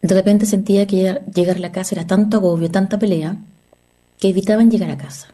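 A woman's voice: mid-range voice, fairly even intonation, fast talker, warm tone. A woman therapist giving an earnest motivational talk on relationships, asking her listeners rhetorical questions.

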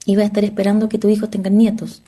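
A woman's voice: mid-range voice, completely flat delivery, very fast, mellow, breathy edge. A woman therapist giving an earnest motivational talk on relationships, asking her listeners rhetorical questions.

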